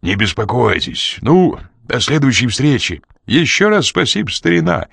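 Мужчина играет довольного уезжающего гостя. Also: male voice, mid-range voice, sing-song, normal speed, vocal fry, breathy edge, no room sound, clean studio sound, voice pushed up, heavily acted. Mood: cheerful. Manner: warm thanks, cheerful. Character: grateful departing man over a running engine.

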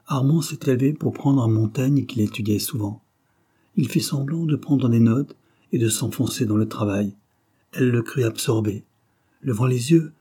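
Husky, dark-voiced male audiobook narrator. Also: medium pitch. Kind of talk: scripted narration.

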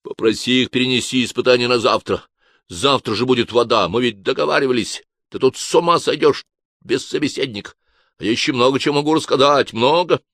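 A man's voice: high-pitched, big pitch swings, a little slow, vocal fry, breathy edge, no room sound, clean studio sound, pitched above the performer's own voice, exaggerated voice. A man voicing a weary, exasperated male commissioner in an audiobook. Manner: exasperated, pleading.

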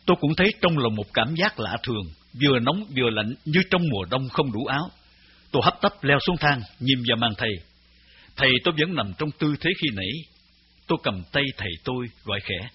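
A man's voice: medium pitch, lively intonation, brisk, breathy edge. Grave male memoir narrator. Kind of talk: memoir audiobook reading. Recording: slightly dull recording with faint music.

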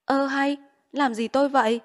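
A woman's voice: high voice, steady tone, moderate pace, pitched above the performer's own voice, natural voice. A woman reading a novel aloud and voicing a frightened young man who pleads humbly. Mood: pleading. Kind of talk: audiobook character voice.

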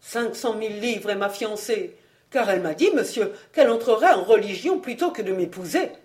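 A woman's voice: medium pitch, animated, moderate pace, darkish tone, close to an everyday voice. A woman voicing a petty, fussy male royal steward who complains in a self-pitying tone. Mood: plaintive grumbling. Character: fretful middle-aged male royal steward, petty and greedy.

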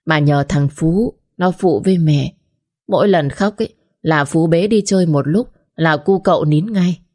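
A woman voicing an elderly mother who gently soothes and reassures her daughter. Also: low voice, unhurried. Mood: soothing.

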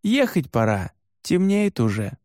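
A man's voice: fairly high pitch, wildly swooping pitch, unhurried, a little mellow, no echo, clean studio sound. A man voicing a cheerful, never discouraged young reindeer herder in an audiobook, in an easygoing, upbeat way. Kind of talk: audiobook dialogue.

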